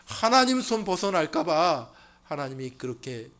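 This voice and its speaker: A man's voice: fairly high pitch, sing-song, moderate pace, a bit bright, voice pushed up. A man voicing a sly male devil who coaxes listeners into doubt, in a sermon. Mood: insinuating.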